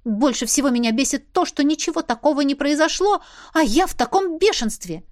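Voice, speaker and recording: A woman's voice: sits high, big pitch swings, normal speed, voice pushed up. A woman voicing a hot-tempered young heroine. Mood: indignant. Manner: heated, exclaiming, indignant.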